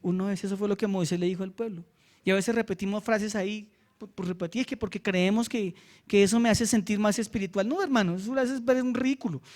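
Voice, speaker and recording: Colombian male pastor, very high voice, sermon delivery, drawn-out scripture quotes, frequent asides to the congregation. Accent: Colombian Spanish. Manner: asks the congregation short checks like "¿cierto?" and "¿sí?".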